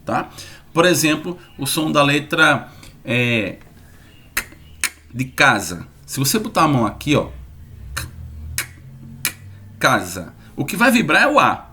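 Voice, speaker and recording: A man teaching an online lesson, lively and repeating sounds slowly to demonstrate them. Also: fairly high pitch.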